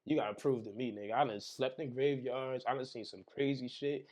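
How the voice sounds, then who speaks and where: A man's voice: medium pitch, fairly quick. A young man, a podcast guest, talking casually over drinks and telling vivid stories full of slang and sound effects. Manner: animated storyteller, heavy slang, acts out scenes with sound effects.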